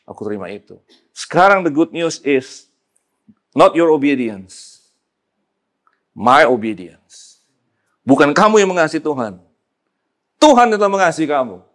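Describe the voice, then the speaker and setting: A man preaching a sermon, switching between casual slang and English and rising to loud emphatic peaks. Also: fairly high pitch, very animated, unhurried, long pauses.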